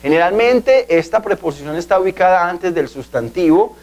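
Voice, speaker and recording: Male tutor, slightly raised pitch, patient and repetitive classroom delivery. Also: lively intonation, moderate pace, darkish tone. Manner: patient, repeats key words and asks "¿sí?". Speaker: language teacher. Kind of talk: video language lesson.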